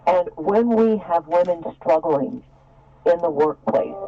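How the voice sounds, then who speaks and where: A woman's voice: lowish voice, slow pace. Emphatic woman expert on a lo-fi line. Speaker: expert panel guest. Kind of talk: earnest radio panel discussion. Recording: dull, lo-fi radio line.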